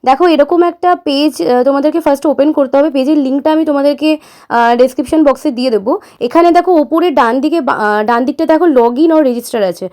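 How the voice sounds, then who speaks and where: A woman's voice: sits high, fast talker, darkish tone. A woman vlogger with a Bengali accent, explaining step by step in a voice-over and addressing viewers directly with frequent filler sounds. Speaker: travel vlogger. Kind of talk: voice-over explaining online booking.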